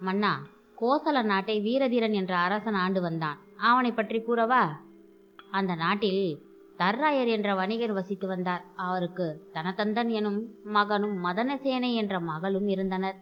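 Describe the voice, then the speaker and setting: A woman's voice: mid-range voice, a little slow, highs cut off, faint music behind. A woman hosting a storytelling show, reading a folk tale aloud and raising her voice for the characters' lines. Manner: acts out character lines in a raised voice. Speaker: storyteller host.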